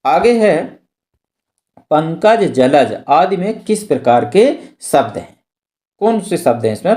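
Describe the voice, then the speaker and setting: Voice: medium pitch, warm tone. A teacher giving an exam-prep lesson. They read multiple-choice questions aloud and explain the answers patiently, repeating key terms. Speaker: Hindi grammar teacher.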